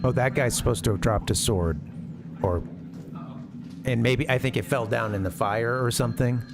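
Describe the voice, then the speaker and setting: A man's voice: medium pitch, moderate pace, creaky, noisy background. A man hosting a live stream, casually commenting on an old demo video, often restarting his sentences and chuckling. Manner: rambling, self-interrupting, chuckling. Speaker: streamer host.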